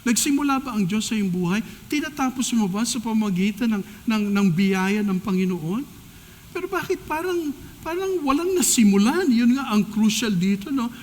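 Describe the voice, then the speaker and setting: A man with a Filipino accent preaching a sermon as pastor of a church, swinging between soft and emphatic delivery. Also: high voice, normal speed. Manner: preaching in Tagalog-English code-switching, rising and falling emphasis. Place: church hall. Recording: long church hall reverb.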